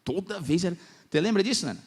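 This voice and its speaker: A young man preaching at a church congress, telling lively stories in slangy talk and acting out the voices he quotes. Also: high-pitched, quick pace, slightly rough. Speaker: pastor. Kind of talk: lively storytelling sermon.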